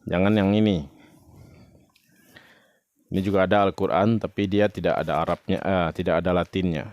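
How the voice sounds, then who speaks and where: A man's voice: low voice, steady tone, normal speed, a little mellow, no room sound. A man from West Sumatra giving an informal religious talk to camera. He explains plainly and unhurriedly, sometimes searching for words. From West Sumatra, Indonesia. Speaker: religious video teacher.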